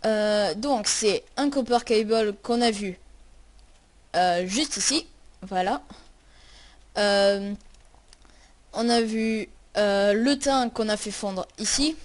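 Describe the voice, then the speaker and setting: A woman's voice: medium pitch, slow pace, pauses often. A woman hosting a casual game tutorial, chatty and full of hesitations. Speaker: tutorial host.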